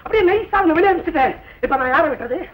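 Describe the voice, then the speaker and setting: High, swooping, bullying husband who mocks and shouts, heard on a hissy old film track. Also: male voice, animated, dull audio. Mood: mocking. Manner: mocking, shouting, quick switches of tone. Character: blustering jealous husband, mocking and quarrelsome. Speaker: hot-tempered husband in a film comedy. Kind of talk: 1960s Tamil film acting.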